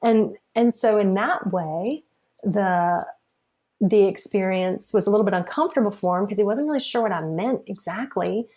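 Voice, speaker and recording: On a podcast, a woman speaks at a mid-range pitch and normal pace with a warm tone, discussing her marketing job in an easygoing interview. She's chatty, laughs a lot, and frequently starts her sentences over.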